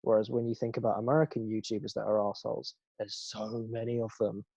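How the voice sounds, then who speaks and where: A young man with a British accent airs his opinions on a podcast, laughing and swearing easily. His voice is mellow and warm. The recording is dry and a little muffled. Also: lowish voice, flat delivery, fast, gravelly, slightly rough, no room sound. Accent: British English. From Britain. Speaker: podcast co-host. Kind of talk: casual chat.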